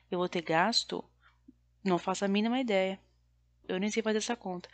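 A woman performing a stand-up comedy monologue in a wry, deadpan, exasperated way. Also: medium pitch.

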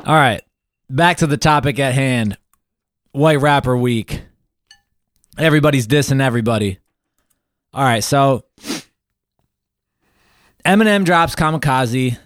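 A man's voice: mid-range voice, expressive, a little slow, pauses often, fairly bright tone, no echo, clean studio sound. A man co-hosting a casual podcast, recapping news with fillers and restarts. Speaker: podcast co-host.

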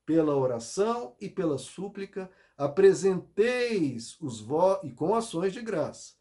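A pastor delivers an earnest sermon in a fairly high voice for a man. He leans into scripture, drawing quoted verses out slowly and with weight. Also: dark tone. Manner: earnest preaching with slow emphatic scripture quotes.

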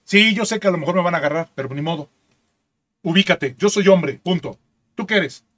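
Un hombre con acento mexicano, copresentador de un pódcast, que charla en tono de broma, con groserías y voces imitadas. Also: male voice, high-pitched, a little fast, crowd noise. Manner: joking, crude slang, animated impressions. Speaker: podcast co-host. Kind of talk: casual chat. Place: studio.

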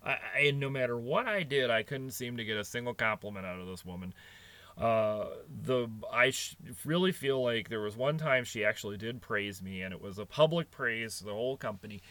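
Telling earnest stories about handling his staff, a middle-aged restaurant-management podcaster talks casually and fairly quickly. He has a mid-range, fairly bright voice with lively intonation, recorded without echo.

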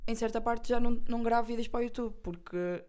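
A woman's voice: on the high side, fairly even intonation, fast talker, a little mellow, smooth. A young woman with a European Portuguese accent, hosting a podcast in a chatty, playful way full of slangy asides. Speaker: podcast host. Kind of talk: casual podcast chat.

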